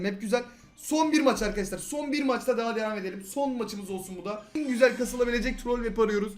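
Young male gaming host, high and quick, excitable, yells at teammates, faint game music behind. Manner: rapid, excitable, shouts at teammates, repeats words. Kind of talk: excited live gameplay commentary.

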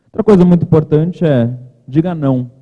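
A man speaks casually from a podium, his slightly high voice ringing out in a big reverberant hall. The sound is thin and narrow, almost like a phone line. He talks in a loose, informal way with joking asides. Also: fairly quick. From Brazil. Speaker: conference keynote speaker. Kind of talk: casual conference talk. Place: large conference hall, at a podium.

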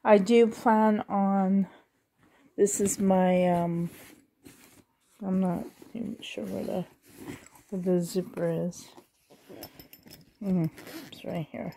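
A middle-aged woman chatting casually as a vlogger into a handheld phone at home, halting and often trailing off mid-thought. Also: mid-range voice, flat delivery, creaky, warm tone, slight background noise. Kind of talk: casual, rambling vlog chat. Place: indoors in a living room at home. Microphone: handheld phone at arm's length.

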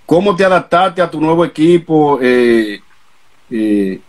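A man's voice: on the high side, expressive, takes it slowly. A man interviewing a former ballplayer, asking questions hesitantly with many fillers.

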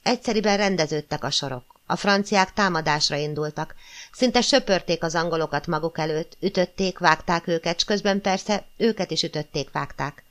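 A woman narrating a classic novel as an audiobook, in a measured, expressive storytelling manner. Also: lowish voice. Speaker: audiobook reader.

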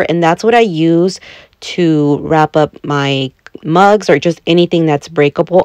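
Mellow-voiced woman chatting casually. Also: on the low side, dry recording. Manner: chatty, self-deprecating. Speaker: home vlogger. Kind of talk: casual voice-over chat.

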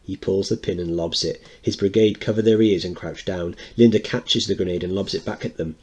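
A man with a low, slightly rough, somewhat mellow voice talks a little fast as he narrates and comments on a play. He teaches as he goes, posing rhetorical questions to his listeners in a dramatic reading with explanation.

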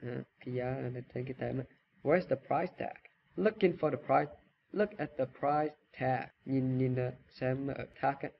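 A man's voice: medium pitch, steady tone, measured pace, creaky, lo-fi sound, slight background noise. A man with a Vietnamese accent giving a casual language lesson, reading shopping phrases aloud, repeating them and explaining with restarts. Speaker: English teacher.

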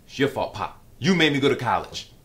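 An actor playing an exasperated young college-age son who argues back at his father, fast and loud at times. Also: mid-range voice, big pitch swings, roomy sound. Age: young adult. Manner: fast, argumentative, loud outbursts. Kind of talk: comedy sketch acting.

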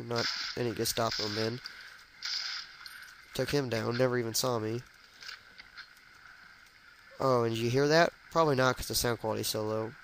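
Gravelly guy narrating his gameplay. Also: medium pitch, slight background noise, poor audio. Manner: chatty, jokey, narrates his moves as he plays. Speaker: let's play gamer. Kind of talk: casual gameplay commentary.

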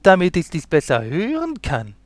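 Cunning storybook mountain lion, low and wheedling, read by a man. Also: huge pitch swings, normal speed, no room sound, studio quality. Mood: menacing. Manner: coaxing, low and hushed. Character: sly hungry male mountain lion, smooth talker.

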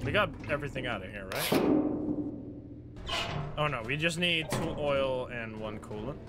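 A man's voice: mid-range voice, expressive, normal speed. A man livestreaming a video game with casual, reactive commentary, joking and talking back to the game. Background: loud game music.

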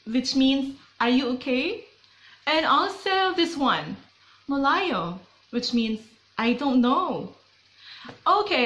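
Talking to camera from a small bedroom, this young woman from the Philippines vlogs casually in an upbeat, playful way with a Filipino accent. Her high-pitched voice has a fairly bright tone. The room is echoey and the recording rough.

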